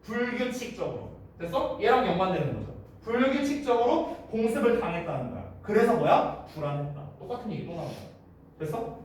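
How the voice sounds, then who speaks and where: A man teaching English to high school students in an online lecture, explaining step by step and repeating key words while checking that students follow. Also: very animated, brisk. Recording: roomy, distant mic with faint hiss.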